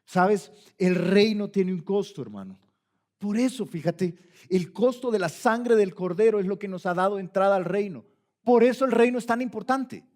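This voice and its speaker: A man's voice: sits high, expressive, moderate pace, a little mellow. A man preaching a sermon in a church, addressing listeners directly and driving points home with repeated commands. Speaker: pastor.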